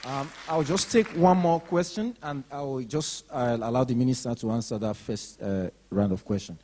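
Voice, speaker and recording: A man chairing the question session of a public lecture, brisk and polite, with frequent short acknowledgements. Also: medium pitch, darkish tone, poor audio. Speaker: moderator.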